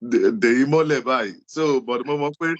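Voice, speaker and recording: A man with a Nigerian accent hosting an interview show, speaking slowly and respectfully and thanking his guest often. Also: medium pitch, no room sound, highs cut off. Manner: slow, deliberate and respectful, with frequent thanks. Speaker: host. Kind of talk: hosting an interview show, mixing English and Yoruba.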